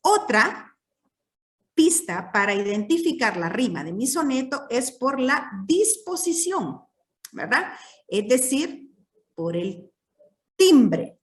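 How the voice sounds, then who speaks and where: A woman's voice: high voice, very animated, slow pace, distant mic. A woman teaching a literature class, explaining patiently and checking in with her students often.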